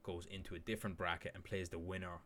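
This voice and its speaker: A man's voice: sits low, little pitch movement, fast talker, a bit bright. A man co-hosting a casual sports podcast, with a rambling, filler-heavy way of breaking down games. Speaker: podcast co-host. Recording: faint background hiss.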